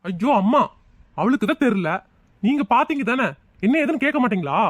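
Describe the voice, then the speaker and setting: An exasperated young husband, acted out by a performer, scolding in a mid-pitched voice. The sound is dry and close to the mic, in a homemade family comedy skit. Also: expressive, brisk, no room sound, close to an everyday voice.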